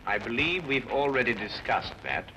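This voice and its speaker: An actor playing a sharp, aloof male detective in a TV drama, speaking in a dry, dismissive way. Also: medium pitch, animated, moderate pace, slight background noise. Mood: cool. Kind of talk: TV drama acting. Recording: dull lo-fi TV soundtrack. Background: music.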